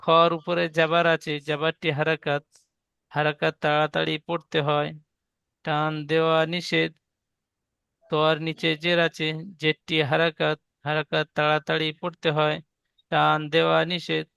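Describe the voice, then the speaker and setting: A man teaching a Quran reading class, spelling out letter sounds in a slow, patient, repetitive drill. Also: on the high side, completely flat delivery, creaky, pushed and bright, clean tone, dry recording.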